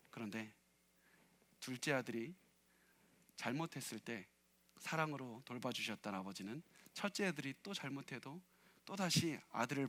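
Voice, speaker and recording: A male pastor preaching a Sunday sermon dramatically, acting out quoted lines with sudden loud outbursts and quiet drops. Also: a little high. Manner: dramatic, acts out quoted speech with big swings in loudness. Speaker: senior pastor. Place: church sanctuary.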